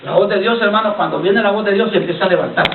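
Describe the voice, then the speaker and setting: A man's voice: high voice, racing, crowd noise. A male pastor preaches a sermon, calling on the congregation to repeat his lines and addressing them as brother. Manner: keeps addressing listeners as brother. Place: church hall. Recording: echoey far-off church recording over a lo-fi line.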